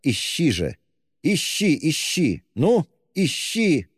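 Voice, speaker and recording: A man's voice: a little high, wildly swooping pitch, takes it slowly, husky, studio quality, voice pushed up, heavily acted. A man shrieking as a frantic, furious older woman. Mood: hysterical. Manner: screaming, hurling insults. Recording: long hall reverb.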